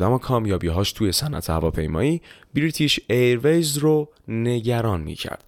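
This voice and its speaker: Low-voiced man narrating a book summary. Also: dry recording. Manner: steady storytelling delivery, polite formal sign-off. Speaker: host of a book-summary podcast.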